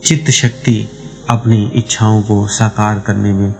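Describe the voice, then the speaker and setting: A man with a lowish voice explains a meditation practice step by step, calm and measured. Faint music plays quietly under his voice. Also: gravelly, poor audio. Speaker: meditation channel host.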